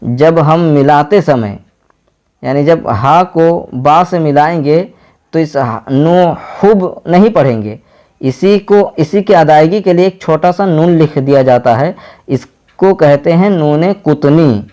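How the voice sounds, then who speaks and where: Slow Indian man teaching Quran reading. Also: a little high, dark tone. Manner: spells out letters and vowel marks syllable by syllable, then blends them. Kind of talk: slow step-by-step lesson.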